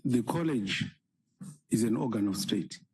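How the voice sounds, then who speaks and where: A man from Zimbabwe, a college principal answering questions at a hearing, halting and hesitant. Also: mid-range voice, lively intonation, a little mellow, husky. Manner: hesitant, halting, many fillers.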